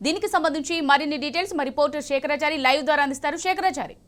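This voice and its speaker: A woman news anchor reading a scripted report in a crisp, formal manner. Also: sits high, rapid-fire, fairly bright tone.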